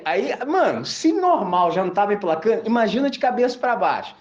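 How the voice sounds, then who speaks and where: A fairly high-voiced man preaches, his pitch leaping around as he tells funny stories full of slang. The recording sounds dull and lo-fi. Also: fairly quick. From Brazil. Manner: animated storytelling, slangy and laughing. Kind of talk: sermon with anecdotes.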